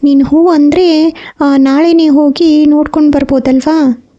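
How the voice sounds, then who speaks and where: A woman's voice: sits high, fairly even intonation, moderate pace, mellow, natural voice. A woman playing a soothing, caring mother. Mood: reasoning. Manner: soothing, reasoning, firm. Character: caring middle-aged mother, soothing and supportive. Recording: slightly dull audio.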